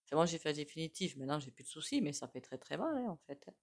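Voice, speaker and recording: A woman with a noticeable accent lays out tarot cards and talks them through casually. Her voice sits a bit low, and she wanders into fillers and side remarks. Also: very animated, fast. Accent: non-standard French accent. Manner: chatty, many fillers and asides. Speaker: tarot reader. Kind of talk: casual spoken tarot reading.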